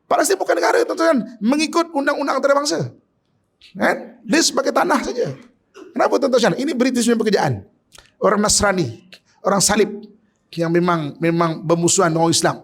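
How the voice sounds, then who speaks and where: A man with a Malaysian Malay accent giving a mosque lecture, often asking "kan?" and swinging from low asides to raised, near-shouted points. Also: expressive, a little fast, gravelly, husky. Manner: rhetorical, keeps asking "kan?". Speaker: preacher.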